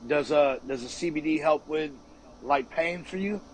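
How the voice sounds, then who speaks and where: Podcast host, man, somewhat higher register, loose sweary conversational delivery, light background noise. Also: normal speed, poor audio. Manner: loose, slangy, swearing street talk. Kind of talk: casual chat.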